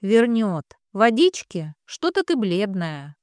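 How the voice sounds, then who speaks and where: A woman's voice: mid-range voice, sing-song, slow, a little mellow, no echo, studio quality. A woman voicing a male police detective who talks matter-of-factly and wryly, explaining a case. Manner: matter-of-fact, lecturing, wry. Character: gruff male police captain, sardonic, world-weary.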